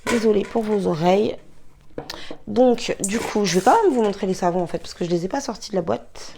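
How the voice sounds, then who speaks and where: A woman chatting casually in a how-to beauty vlog, rambling with many fillers and restarts and apologizing in quick asides while she works with her hands. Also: medium pitch, animated, vocal fry, warm tone, a little hiss or hum. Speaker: beauty vlogger.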